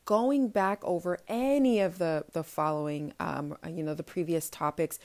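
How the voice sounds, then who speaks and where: Low-pitched woman hosting a podcast recap. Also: a little mellow. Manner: conversational, encouraging, reflective. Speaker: podcast host. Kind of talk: casual solo podcast recap talk.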